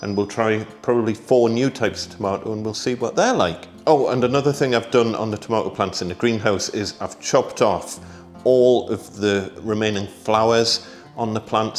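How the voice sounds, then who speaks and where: Chatty British man with a low voice. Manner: chatty, relaxed, thinks aloud with small asides; talks while tasting food. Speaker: gardening vlogger. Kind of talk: casual gardening vlog.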